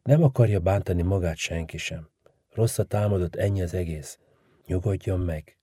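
A man reading the part of a kind older hospital nurse in a storybook, speaking softly and reassuringly with a dry, close sound. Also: deep voice, husky, no echo. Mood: soothing. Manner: soft, soothing, reassuring. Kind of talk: audiobook reading.

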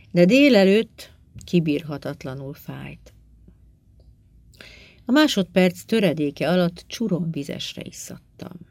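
A woman narrates a first-person story in a calm, measured and subdued manner. Her voice sits low. The recording is close and dry, with no room sound. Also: no echo. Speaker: audiobook reader.

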